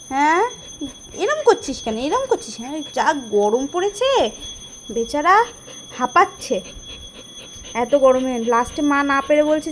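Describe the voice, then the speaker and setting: A woman with a high voice talks through a casual pet vlog. She switches between chatty asides to her viewers and soft, doting baby talk to her animal. A faint noise sits under the recording. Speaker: pet vlogger.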